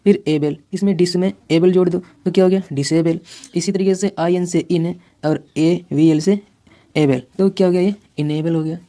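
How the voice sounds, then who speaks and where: A woman teaching a phonics lesson, patiently sounding out words slowly and repeating them. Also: lowish voice, steady tone, dark tone. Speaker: English teacher.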